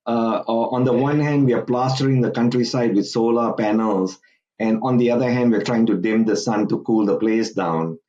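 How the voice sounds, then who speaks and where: A man from Singapore, a guest commentator on a podcast interview, speaks in a halting way with many "uh"s, fillers, and restarts. His voice is medium-pitched and mellow, and the audio sounds dull.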